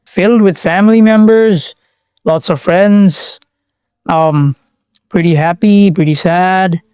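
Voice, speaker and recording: A young man from Bangladesh chats casually as a guest in a high, clean voice, taking it slowly. His talk is relaxed and slangy, full of fillers and restarts, and the recording is dry.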